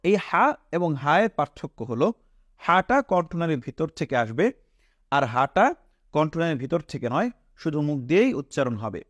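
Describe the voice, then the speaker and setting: A male teacher with a Bangladeshi Bengali accent leads a patient pronunciation lesson, stretching each letter sound and repeating it. His voice sits a little high for a man. The recording is dry and close, with no room echo. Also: lively intonation, moderate pace, fairly bright tone. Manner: asks the class questions and answers them himself. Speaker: Quran reading teacher.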